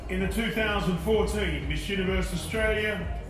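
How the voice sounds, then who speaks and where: A man's voice: sits high, moderate pace, far from the mic. A man speaking as a pageant host, announcing formally to a large room in a projected delivery. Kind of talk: formal stage announcing of results. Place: large ballroom stage with audience. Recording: echoey hall PA from afar, music behind. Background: loud music.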